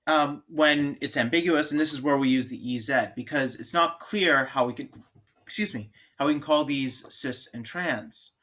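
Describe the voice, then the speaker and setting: A man's voice: mid-range voice, sharp tone. A man lecturing on chemistry in an informal, joking way, thinking aloud and restarting sentences. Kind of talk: classroom lecture.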